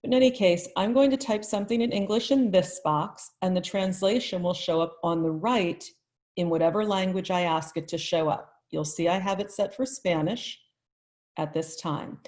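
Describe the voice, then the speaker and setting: A woman, a teacher trainer, giving a live online tutorial in a friendly, chatty way and thinking out loud as she goes. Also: on the low side, normal speed.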